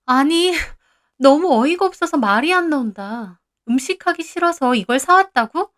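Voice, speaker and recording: A woman voicing a sharp young sister-in-law who scoffs in disbelief. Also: high-pitched, expressive, a little slow, clean tone. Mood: scoffing. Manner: incredulous, scoffing.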